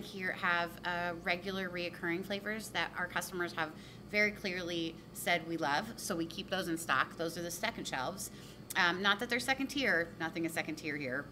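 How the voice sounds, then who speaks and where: A woman who co-owns a bakery, talking in a warm, chatty way in an interview inside her shop. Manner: warm and chatty, laughs easily. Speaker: bakery co-owner. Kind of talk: casual interview. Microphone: handheld reporter mic. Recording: noticeable background rumble.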